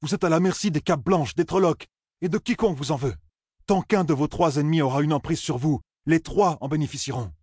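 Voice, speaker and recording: A man reading an audiobook, voicing an earnest, forceful young village man who urges others with pleading, husky speech. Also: fairly high pitch, a little fast, no echo, clean studio sound, voice pushed up. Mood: urging. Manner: pleading, urgent persuasion.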